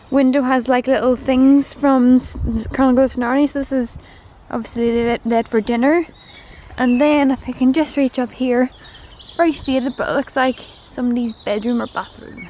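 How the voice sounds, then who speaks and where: Strolling through a woodland park with a handheld camera, this Northern Irish travel vlogger talks in an easygoing, excited way. She has a high-pitched, slightly mellow voice, and there's some light background noise.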